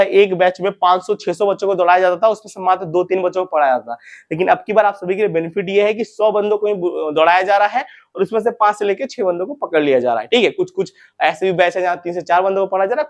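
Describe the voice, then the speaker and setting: Casting note: young male host, high voice, quick and chatty, keeps repeating key points to his viewers. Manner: addresses viewers as friends and brothers. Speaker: recruitment info channel host. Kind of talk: informal advice talk to viewers.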